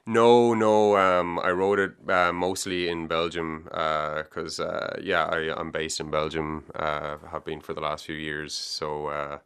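A low, resonant Irish male voice in relaxed conversation. He talks in loose, winding sentences full of restarts and repeated words. The sound is smooth and full. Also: measured pace, hardly any pauses. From Ireland. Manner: rambling, repeats words, many fillers. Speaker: debut novelist guest. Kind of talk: casual interview chat.

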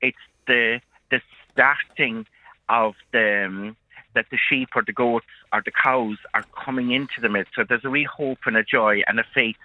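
A man's voice: mid-range voice, fairly even intonation, moderate pace, no room sound. An Irish man telling folk tales on the radio with a lilting storyteller's delivery. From County Kerry, Ireland. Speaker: storyteller, radio phone-in guest. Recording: dull lo-fi phone-in on radio.

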